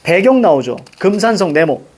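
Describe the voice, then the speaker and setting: A male teacher giving a brisk literature lecture, directing students and firing quick questions at them. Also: high voice, sing-song, darkish tone. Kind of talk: classroom lecture.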